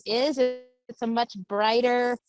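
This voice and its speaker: A woman's voice: on the high side, level tone. Woman on a choppy, cutting-out call. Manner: halting, broken-off phrases. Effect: choppy audio cutting out over a bad internet connection. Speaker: guest speaker on a video call. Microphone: phone.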